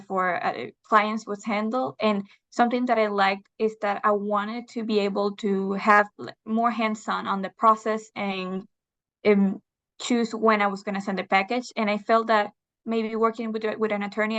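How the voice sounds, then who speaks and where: A young woman from Venezuela, a guest in a video interview, answering thoughtfully with hesitant filler pauses. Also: medium pitch, a bit bright. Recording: slightly dull lo-fi sound.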